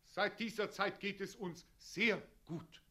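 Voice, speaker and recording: A man's voice: sits high, big pitch swings, slow pace, bright, forceful tone, heavily acted. An actor playing an obedient townsman in a radio play, delivering over-the-top, dutiful praise. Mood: fawning. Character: eager, obedient male townsman leading a cheer.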